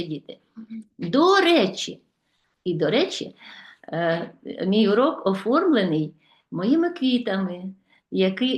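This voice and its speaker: Lively-voiced woman teaching a lesson. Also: medium pitch, reverberant. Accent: Ukrainian. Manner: warm, addresses pupils as children, slow deliberate listing. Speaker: Ukrainian language teacher. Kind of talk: video lesson for schoolchildren.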